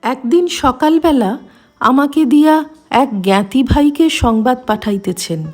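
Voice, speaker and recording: A woman reading a devotional memoir aloud in a measured, reverent way. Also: high-pitched, darkish tone, faint music behind. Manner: measured, reverent reading in formal literary prose. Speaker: reader.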